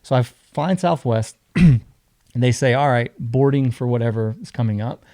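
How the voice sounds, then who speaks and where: A young man tells a story as a podcast guest, lively and full of acted-out quotes. His voice is dark and mellow. The sound is dry, close to the mic. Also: medium pitch, moderate pace, no echo. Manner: animated, acts out other people's lines. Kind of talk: casual storytelling.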